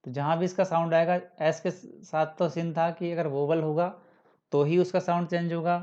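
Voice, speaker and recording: A man teaching the German alphabet, spelling out letters slowly, repeating example words and mixing English words into his explanations. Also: fairly high pitch, level tone, dark tone. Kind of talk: classroom-style alphabet lesson. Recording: dull, slightly lo-fi sound.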